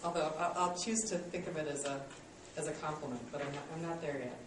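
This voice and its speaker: A woman's voice: sits low, fairly even intonation, quick pace, recorded from a distance, noisy background. Woman teacher in an echoey classroom. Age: 30s. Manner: friendly, self-deprecating, many ums. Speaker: college instructor. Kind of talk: classroom lecture.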